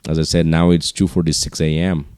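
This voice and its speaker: A man hosting a podcast solo, speaking slowly in a low, hushed register with casual, rambling, earnest encouragement. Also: level tone, smooth, no room sound, studio quality. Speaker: podcast host.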